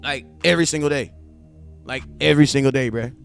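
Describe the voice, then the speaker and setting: His mid-range voice is fast and creaky, with soft music in the background. In his 40s, this sports fan host chats loosely on a live stream, going through viewer comments with slang, talking straight to the audience, and repeating points to stress them.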